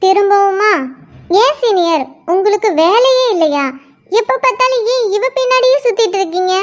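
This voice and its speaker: A woman doing a very high feisty schoolgirl. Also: normal speed, muffled recording. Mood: defiant. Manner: defiant, cheeky. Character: feisty young female student defending her friend.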